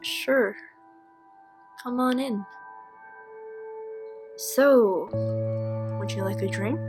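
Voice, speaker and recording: Woman playing a sly teen girl traitor, very slow, higher voice, loud music behind. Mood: cool. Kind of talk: fan voice acting for an animated game movie.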